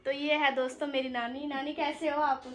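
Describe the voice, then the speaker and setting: A woman's voice: high-pitched, level tone, moderate pace. A young woman from Uttarakhand, chatting casually to her viewers as she walks around with a phone camera. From Uttarakhand, India. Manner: chatty, addresses viewers directly, calls them bhai. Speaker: vlogger. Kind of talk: casual walking vlog. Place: house and streets in a hill town, indoors and outdoors.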